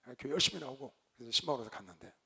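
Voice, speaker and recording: A male pastor preaching, telling a story with lively swings between loud outbursts and quiet low asides. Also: rapid-fire, vocal fry. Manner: animated storyteller, shouts quoted lines, drops to low asides. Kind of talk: sermon with storytelling.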